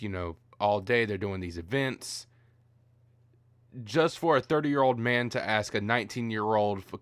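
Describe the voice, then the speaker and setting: A man's voice: medium pitch, fairly bright tone, dry recording. A tired man ranting profanely in a rambling, exasperated gaming commentary.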